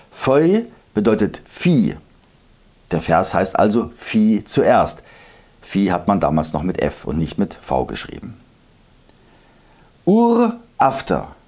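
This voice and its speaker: A man narrating a scripted history lesson, explaining emphatically and slowing down to recite old verses. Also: on the low side, darkish tone. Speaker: history video host.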